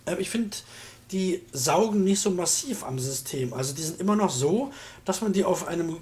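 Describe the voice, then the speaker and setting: A man with a somewhat high-pitched voice talks through technical matters in a casual chat. He is colloquial and often ends a remark with a short questioning tag. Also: animated, moderate pace, darkish tone. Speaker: discussion participant demonstrating software.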